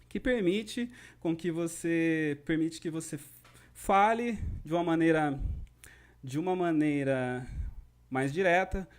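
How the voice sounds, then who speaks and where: A man's voice: on the high side, darkish tone. A Brazilian man teaching a live-streamed lesson, explaining at length and often checking in with his viewers. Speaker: English teacher.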